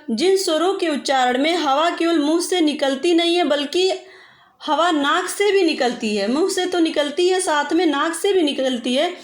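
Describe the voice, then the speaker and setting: A woman's voice: high voice, roomy sound. A woman teacher giving a patient grammar lesson, stretching out example vowel sounds as she explains.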